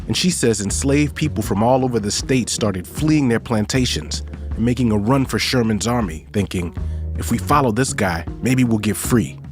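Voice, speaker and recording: A man's voice: medium pitch, moderate pace. Man telling history over faint music. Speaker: podcast host, narrator. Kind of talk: scripted history narration.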